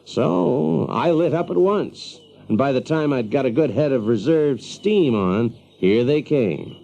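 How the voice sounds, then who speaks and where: A man plays a lively, sardonic, exasperated Yankee recounting his own tale in a medieval land, in an audio drama told in first person. His medium-pitched, creaky voice moves unhurriedly, sounding folksy, hesitant and chuckling, with a wry, excited mood.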